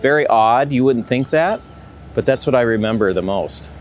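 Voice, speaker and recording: Male meteorologist, American accent, mid pitch, reflective interview answers, faint background noise. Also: lively intonation, moderate pace.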